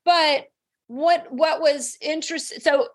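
Higher-voiced woman podcast host. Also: takes it slowly. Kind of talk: casual faith-based conversation.

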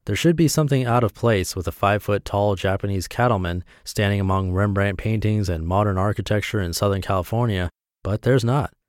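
A man from Montana, reading his reflective essays aloud in a measured, deliberate way. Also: on the low side, no echo, clean studio sound. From Montana, USA.

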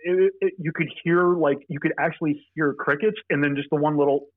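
A man's voice: fairly high pitch, fairly even intonation, no room sound. Young male guest, rambling storyteller, tinny phone-line sound, dry. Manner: rambling, halting, many restarts. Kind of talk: casual storytelling.

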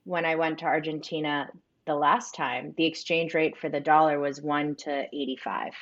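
In a muffled recording, a woman with a deep, steady voice talks at normal speed. Spanish is her first language; she's a U.S. company co-founder responding to interview questions with earnest reflection and plenty of "um" and "like."

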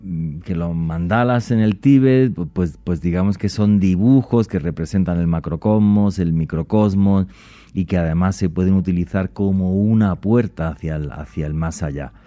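A man's voice: low voice, normal speed, mellow, dry recording. A man hosting a paranormal talk show in a conversational, musing way, repeating phrases for emphasis. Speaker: show host. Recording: muffled lo-fi audio with music behind. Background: background music.

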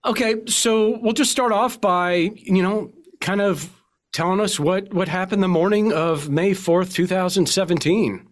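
Higher-voiced male podcast interviewer. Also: unhurried. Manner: brief, prompting questions.

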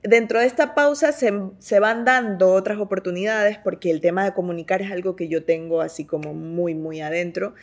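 A woman's voice: mid-range voice, normal speed, few pauses. A woman with an Ecuadorian Spanish accent, chatting expressively as an interview guest, often restarting her sentences. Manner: expressive, talks with many restarts. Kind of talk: casual interview chat.

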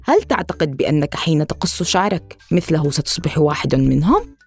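A woman's voice: low-pitched, sing-song, brisk, vocal fry, a little mellow, slightly rough, faint music behind, full character voice. A woman voicing a caring mother in a storybook, puzzled and concerned about her son.

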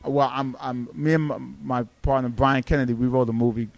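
Animated stammering guest comedian, a man. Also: mid-range voice, brisk, no echo. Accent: New York. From Brooklyn, United States. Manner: animated, stumbling restarts. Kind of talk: casual podcast chat.

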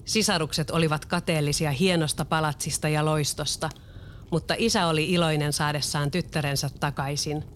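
A storyteller calmly narrating a children's story. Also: medium pitch, slight background noise.

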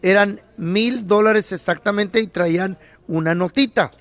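A man's voice: high-pitched, measured pace. A man, co-hosting a radio show, joking and slipping English words into his stories. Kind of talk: casual chat, storytelling.

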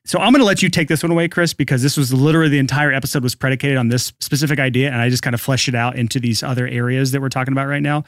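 A man co-hosting a podcast, blunt and teasing with deadpan jokes. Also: mid-range voice, very fast, few pauses, no echo, clean studio sound. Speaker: podcast co-host. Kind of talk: casual podcast chat.

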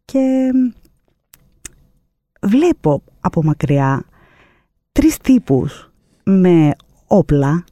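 A woman guest, a producer, telling an anecdote in a lively, expressive way with many fillers and pauses. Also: lowish voice, no echo, clean studio sound. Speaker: producer and artistic director, guest. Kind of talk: animated storytelling anecdote.

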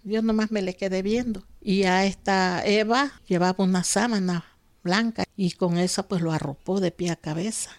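A woman's voice: mid-range voice, moderate pace, no room sound. An older woman with a Mexican Spanish accent recounting a past ordeal, acting out the quoted dialogue as she tells it. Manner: lively storyteller who acts out quoted dialogue. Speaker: survivor recounting her story. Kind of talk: recorded testimony.

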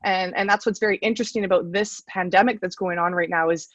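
A woman executive being interviewed from her home over a computer call, speaking in a measured, plain-spoken way. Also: mid-range voice, steady tone, no room sound, muffled recording. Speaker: transit agency CEO guest. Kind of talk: remote interview.

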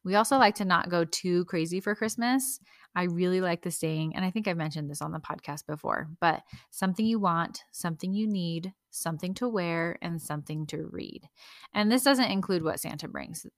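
30s mom hosting her podcast, kinda low voice, chatty practical tips, dry close mic. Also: fairly bright tone, no room sound. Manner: chatty and practical, with small laughs. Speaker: podcast host. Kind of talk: casual solo podcast tips.

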